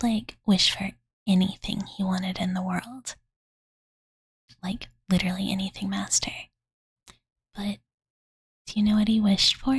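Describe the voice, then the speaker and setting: Whispering softly and breathily right up against a close studio condenser mic, a woman plays an affectionate, possessive young dragon girl telling a bedtime story in an ASMR roleplay. Her mid-range voice comes through a dry recording, and her delivery is cozy, cutesy, casual, doting, and full of fillers.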